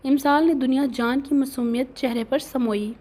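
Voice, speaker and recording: A woman's voice: sits high, steady tone, dark tone. A woman reading a romantic novel aloud, narrating and voicing every character's lines with light changes in delivery. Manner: reads all the characters' lines in a lightly varied voice.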